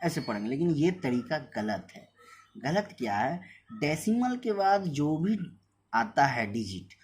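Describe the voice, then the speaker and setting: A man teaching a maths lesson, explaining step by step, repeating points and reading numbers out slowly. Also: fairly high pitch, big pitch swings, a little hiss or hum. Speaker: math teacher. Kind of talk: whiteboard lesson.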